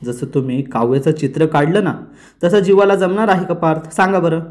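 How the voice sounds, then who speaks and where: Man voicing a worried middle-aged wife, fussing, chiding, slightly high voice, retold soap drama. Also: fairly quick, darkish tone, natural voice.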